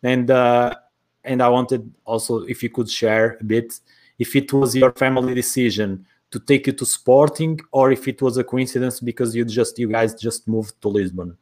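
Man, Portuguese accent, native Portuguese speaker, interviewer, conversational, wordy and rambling, mid-pitched voice. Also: fairly even intonation, normal speed, darkish tone. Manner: wordy, rambling lead-ins to questions.

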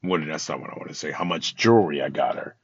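Man, very low voice, rambling heartfelt podcast talk, dry dull lo-fi sound. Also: animated, quick pace, husky, dry recording. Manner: rambling, heartfelt, many restarts. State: tired. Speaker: podcast host. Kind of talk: casual motivational talk.

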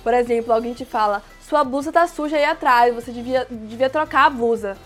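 A woman teaching everyday English phrases, explaining plainly and repeating each phrase slowly. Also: a little high, fairly bright tone, soft background music. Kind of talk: casual language lesson.

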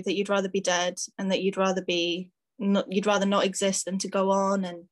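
A woman guest on a podcast, speaking earnestly and reflectively, with self-conscious laughs. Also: mid-range voice. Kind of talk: heartfelt recovery podcast conversation.

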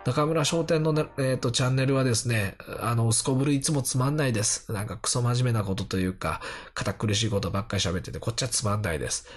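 A man's voice: mid-range voice, fast talker, few pauses, slightly rough. A man with a congested, nasal voice hosting a casual solo radio talk in a chatty, self-deprecating way. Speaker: radio show host. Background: background music.

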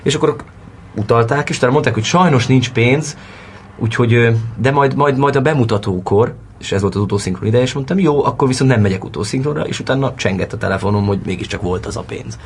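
A man's voice: mid-range voice, a little hiss or hum. A man from Vojvodina, an actor, telling stories in a casual interview. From Serbia (Vojvodina). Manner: relaxed storytelling with fillers.

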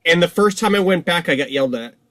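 A man's voice: a little high, lively intonation, fast talker, fairly bright tone, dry recording. A young man hosting a casual podcast, rambling with lots of fillers and laughing often. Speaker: podcast host. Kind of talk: casual chat.

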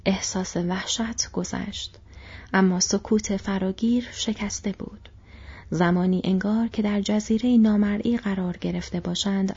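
Breathy, near-whispered woman narrator. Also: mid-range voice. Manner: soft, hushed storytelling. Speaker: audiobook narrator. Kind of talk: audiobook narration. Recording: dull lo-fi recording.

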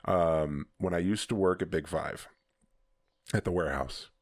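A deep-voiced man hosts a podcast, telling stories at an unhurried pace in a casual, profane, animated way and laughing often. He is an adult who hopes to see future grandkids.

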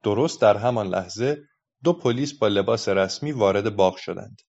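A man reading a children's book aloud as a calm storyteller, in a dull lo-fi recording. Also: lowish voice, vocal fry.

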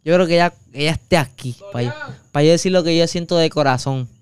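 A man's voice: fairly high pitch, fast. A man from Puerto Rico with a Puerto Rican accent, telling a long casual story on a podcast, full of fillers and crude slang. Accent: Puerto Rican Spanish. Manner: rambling anecdotes with many fillers and crude slang. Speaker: podcast co-host.

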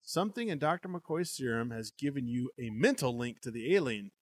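Guy reading a kids adventure book aloud, average pitch, laughs a lot, dry mic. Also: animated, a little fast, no room sound. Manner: reads with frequent laughs. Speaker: podcast co-host reading a gamebook. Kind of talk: live reading aloud with banter.

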